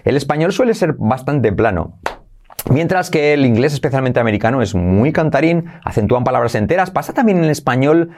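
A man with a very lively, swooping voice teaches English pronunciation in an online lesson. He acts out example phrases with big rises and falls, exaggerating the intonation on purpose, then switches back to explaining. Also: medium pitch, brisk. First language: Spanish.

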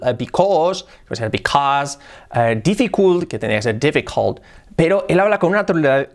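Lively Spanish teacher man, bilingual lesson. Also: on the high side. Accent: Spain. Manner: lively, repeats words, tags phrases with "¿ok?". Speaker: English teacher. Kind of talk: casual video lesson mixing Spanish and English.

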